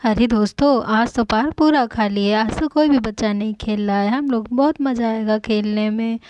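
A woman's voice: on the high side, moderate pace, darkish tone, no room sound, pitched below the performer's own voice, natural voice. A woman voicing a young boy at a park in a doll-play story, chatty and urgent. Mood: excited. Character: worried boy child playing in a park.

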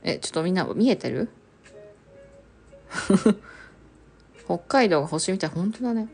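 A young woman chats casually through a live stream, reading viewer comments aloud and laughing often. Her voice is lively and slightly husky, and it swings up and down a lot. Faint music plays underneath. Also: on the low side, slow.

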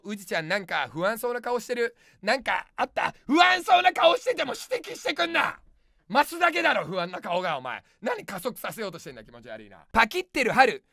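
A very high-pitched man in his thirties rants back at every viewer comment on a studio livestream. His bright, forceful voice swings wildly in pitch and has a gravelly edge, with a dry, close sound. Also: dry recording. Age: 30s. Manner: snapping, ranting retorts with frequent shouted outbursts. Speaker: comedian streamer. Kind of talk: improvised angry comment replies on a livestream.

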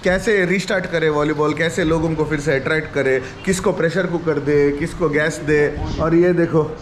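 Male vlogger in his forties, talkative and laughing, filming himself on a handheld camera, voice a touch high, faint noise behind. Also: fairly even intonation, normal speed. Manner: chatty, laughing, mixes Hindi with English. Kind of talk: casual daily vlog to camera. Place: home, then outdoors at night. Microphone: handheld action camera at arm's length.

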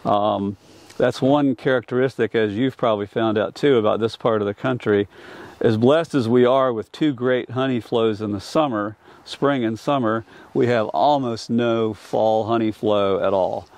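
Recorded on a lapel mic outdoors in an apiary, an older North Carolina commercial beekeeper talks through his methods at a moderate pace. His voice is medium-pitched and a little mellow, and his explanation is plain and practical, with many restarts.

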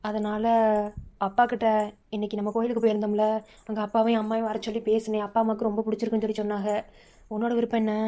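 A woman's voice: mid-range voice, monotone, racing, long pauses, mellow, close to an everyday voice. A woman voicing a bossy elder sister in a cartoon, persuading insistently with a Madurai accent. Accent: Madurai Tamil.

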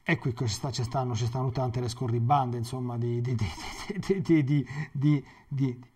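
Halting, digressive priest teaching scripture. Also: male voice, mid-range voice, fairly even intonation, darkish tone, slightly rough. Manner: digressive, halting, repeats words and restarts. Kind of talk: Bible catechesis.

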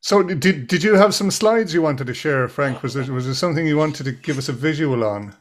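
Guy hosting a seminar over video call, slightly high voice, upbeat, reading out comments. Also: lively intonation, fairly quick. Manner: upbeat, reads out audience comments. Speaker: seminar host.

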